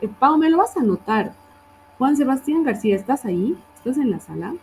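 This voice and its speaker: A woman's voice: high-pitched, expressive, a little fast, darkish tone, slight background noise, poor audio. A woman teacher reviewing student assignments, correcting wording and often checking in with her class.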